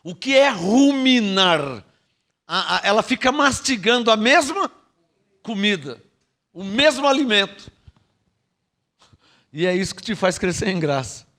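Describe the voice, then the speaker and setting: A man with a Brazilian Portuguese accent preaches a sermon in a high voice at a measured pace, pausing often. He teaches through rhetorical questions and gets the congregation to repeat his phrases. His manner is lively, with frequent rhetorical questions and laughter.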